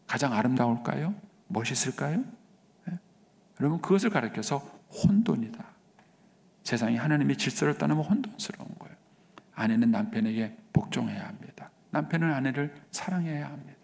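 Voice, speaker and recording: A middle-aged man preaching a sermon as pastor, swinging between raised, emphatic exclamations and hushed whispers. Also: mid-range voice, lively intonation, fairly quick, creaky. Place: church sanctuary. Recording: reverberant church sanctuary.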